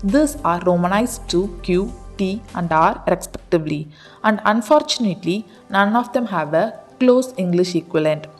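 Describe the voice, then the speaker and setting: A woman narrating a pronunciation explainer in an even, read-aloud delivery. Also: medium pitch, normal speed, faint music behind. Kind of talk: scripted narration of an article.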